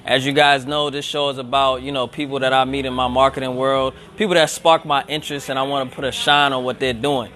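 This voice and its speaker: An easygoing show host runs a casual live-streamed interview from a restaurant's upstairs lounge, filmed on a handheld phone with no tripod. His mid-range voice has little pitch movement and a sharp tone, and he talks briskly with few pauses, loosely and with lots of fillers.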